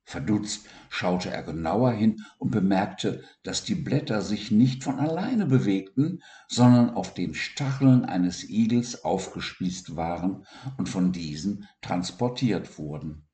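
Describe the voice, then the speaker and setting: A man reading a children's story aloud in a calm, expressive narrating voice. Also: low-pitched, takes it slowly. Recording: roomy echo.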